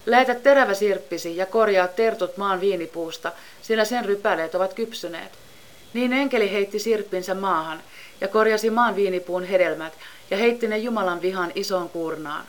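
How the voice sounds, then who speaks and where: A woman giving a measured, solemn scripted Bible reading. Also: mid-range voice. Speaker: scripture reader.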